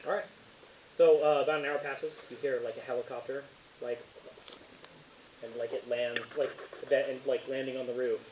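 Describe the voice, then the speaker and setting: A man's voice: mid-range voice, level tone, moderate pace, long pauses. A man narrating as game master of a tabletop game, rambling with many fillers. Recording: echoey, muffled, faint hiss.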